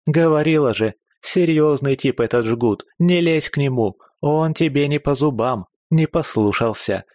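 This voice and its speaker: A man's voice: on the high side, unhurried, darkish tone, no room sound, voice pushed up, lightly acted. A man putting on a scolding young woman. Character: sharp-tongued young woman, scolding companion. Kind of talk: audiobook character voice.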